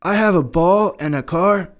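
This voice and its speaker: A man voicing a friendly tiger in a children's story, speaking in a friendly, gravelly, slow way. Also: high-pitched, natural voice. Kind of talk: children's English-lesson story.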